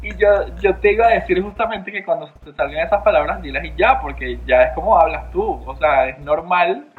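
A man's voice: sits high, fairly quick. A man co-hosting a casual podcast chat, speaking hesitantly with many fillers. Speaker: podcast co-host. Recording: tinny phone-like line with faint noise.

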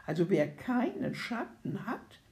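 A reader voicing a sober, stern old painter-professor in a literary audiobook, lecturing in a measured, reasoning way. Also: mid-range voice, huge pitch swings, a little mellow, voice pushed up. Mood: sober, admonishing. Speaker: character in a read novel.

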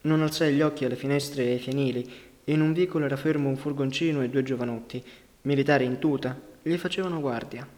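A man narrating a novel as an audiobook, in a measured, unhurried literary reading. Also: mid-range voice, fairly even intonation, darkish tone. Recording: long reverberant hall sound.

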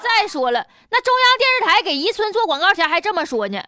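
High, bright-voiced woman with Northeastern Chinese accent. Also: very animated, quick pace, a little hiss or hum. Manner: chatty, sardonic, folksy. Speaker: radio show host. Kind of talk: colloquial comic news commentary.

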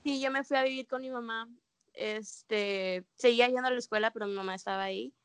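A woman's voice: a little high, fairly even intonation, fairly quick, clear, resonant tone. A young woman from Mexico with a Mexican Spanish accent, speaking in a casual chat and candidly telling a personal story, full of slang.

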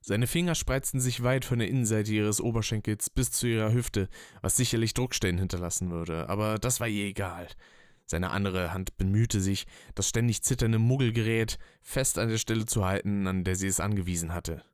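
A man reading a story as narrator in a steady, even manner. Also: lowish voice, a little fast, smooth, no room sound, clean studio sound. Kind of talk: scripted narration.

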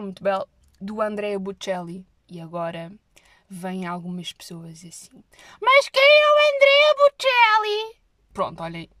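Young adult woman, European Portuguese accent, comic vlog monologue, animated and exaggerated, bright higher pitch, dry close mic. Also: dry recording. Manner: animated, exaggerated storytelling, dropping her voice for asides.

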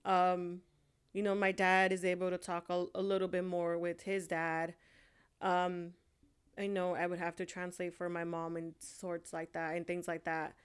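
Young woman, lowish smooth voice, casual and halting, lots of ums. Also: completely flat delivery. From Honduras. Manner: hesitant, many fillers. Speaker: co-host. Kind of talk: casual chat.

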